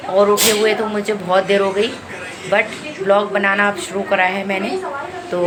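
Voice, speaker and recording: A woman's voice: mid-range voice, rough recording. Chatty woman vlogging from home. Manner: chatty, talks to camera and to her sick child. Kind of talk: casual home vlog.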